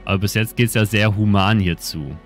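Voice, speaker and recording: A man's voice: on the low side, normal speed, faint music behind. A man streaming a game, giving laid-back, musing casual commentary as he plays.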